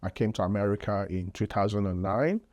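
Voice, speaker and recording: Speaking a little fast in a fairly low, slightly mellow voice, a man with a Nigerian accent appears as a podcast guest. This public health physician explains things earnestly and patiently during a casual interview, with many fillers and restarts.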